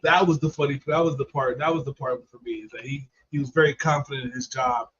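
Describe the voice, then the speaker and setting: A man's voice: fairly high pitch, expressive, fast, vocal fry, a bit bright, breathy edge. A man co-hosting a comedy chat show, chatty, laughing along and adding side comments. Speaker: co-host. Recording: dull lo-fi stream audio.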